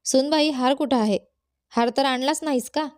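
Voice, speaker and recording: A woman's voice: high-pitched, fairly even intonation, moderate pace, no room sound, clean studio sound, natural voice. A woman voicing a suspicious, short-tempered mother-in-law who scolds sharply in a storybook reading. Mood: scolding.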